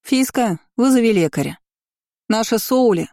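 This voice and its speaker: Fretful mother calling out in a raised voice, a woman doing her, mellow tone, dry sound. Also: deep voice, animated, moderate pace, slightly rough, no echo. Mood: worried. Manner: anxious, calling out. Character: worried middle-aged mother.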